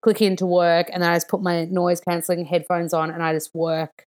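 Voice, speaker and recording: A young adult woman, an actor chatting as a podcast guest and telling stories with animated enthusiasm. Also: lowish voice, fairly quick. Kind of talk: casual chat.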